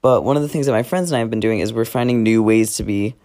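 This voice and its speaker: A teenage guy records a casual diary podcast at home late at night. His voice sits on the low side. He rambles, fills pauses with "um" and "like", and often backs up to correct himself. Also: a little mellow. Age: teens. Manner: rambling, many fillers and self-corrections. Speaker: podcast host.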